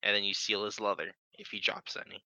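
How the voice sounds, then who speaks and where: A man's voice: on the low side, completely flat delivery, brisk, pushed and bright, dry recording, highs cut off. A man co-hosting a gaming podcast, talking in a laid-back, matter-of-fact way. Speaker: podcast co-host. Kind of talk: casual gaming podcast chat.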